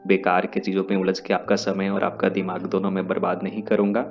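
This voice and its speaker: A man's voice: low-pitched, completely flat delivery, fairly quick, gravelly. A man teaching an English lesson in a classroom style, explaining step by step and repeating key terms. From India. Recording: dull lo-fi audio with faint music.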